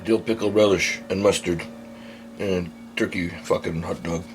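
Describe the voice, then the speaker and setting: A man's voice: deep voice, fairly even intonation, unhurried, soft background music, rough recording. A man giving a casual, unscripted food review in blunt, crude, rambling, drunken-sounding talk, swearing constantly.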